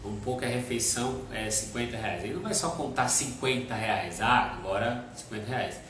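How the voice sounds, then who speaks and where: A man co-hosting a live stream, explaining step by step with everyday examples in a relaxed chat. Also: mid-range voice, moderate pace. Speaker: nutrition live stream co-host. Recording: very echoey room, mic at a distance, background noise.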